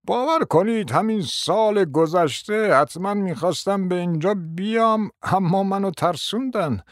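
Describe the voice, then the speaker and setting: A man voicing a forgetful, fussy old prince in an audiobook, talking slowly and mumbling as he trails off. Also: high voice, dry recording, clean studio sound, pitched above the performer's own voice, close to an everyday voice. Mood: mumbling, muddled. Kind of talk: audiobook character voice.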